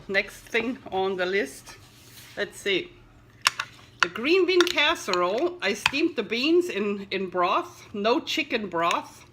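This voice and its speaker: A woman's voice: medium pitch, background noise. A middle-aged woman chatting casually in her home kitchen for a food taste-test vlog, talking as she eats. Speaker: vegan cooking vlogger.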